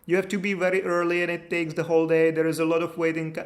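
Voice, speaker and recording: Reading live chat questions aloud and answering them, a man in his thirties who works as an immigration consultant streams from an echoey room. His slightly high voice is completely flat and quick, and his chatty replies are loose, with many fillers and restarts.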